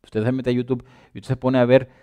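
A man preaches in an easy, conversational manner at a middling pitch. He rises to loud emphasis and drops to quiet asides, and he keeps asking listeners whether they follow him. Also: monotone, brisk. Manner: conversational, asks listeners for agreement. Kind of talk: sermon.

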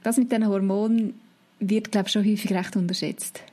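A woman in her thirties speaks with a Swiss German accent in a relaxed conversation. She tells her stories with life and plays out her own past thoughts as she goes. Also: mid-range voice, brisk. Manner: lively storytelling, acts out her own thoughts. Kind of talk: casual chat.

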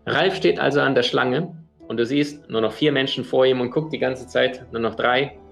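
A man who works as a personal coach, telling an anecdote in a lively way and acting out the people in it. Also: mid-range voice, moderate pace, vocal fry, soft background music. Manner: lively storyteller who acts out the people he quotes. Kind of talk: anecdotal storytelling.

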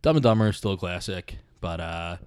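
Low-voiced rambling male podcast host. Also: lively intonation, a little fast, darkish tone, smooth, no echo. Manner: rambling, laughs often, reads reviews aloud. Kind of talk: casual movie chat.

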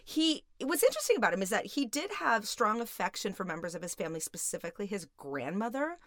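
A woman's voice: medium pitch, very animated, fast talker, fairly bright tone, no room sound, studio quality. A middle-aged woman speaking as an expert guest, explaining things conversationally in an interview. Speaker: guest expert, criminal psychologist.

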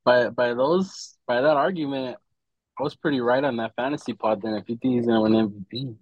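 Male podcast host, average pitch, opinionated sports talk in loose slang, very dry sound. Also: brisk, a little mellow, no room sound, dull audio. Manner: slangy, opinionated, says "bro" often. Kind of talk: casual sports chat.

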